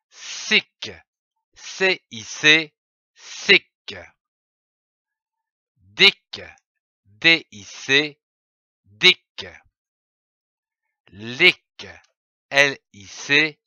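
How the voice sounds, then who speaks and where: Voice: medium pitch, bright, forceful tone, no echo, muffled recording. A voice reciting syllables for a children's dictation lesson, spelling each one out letter by letter. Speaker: teacher.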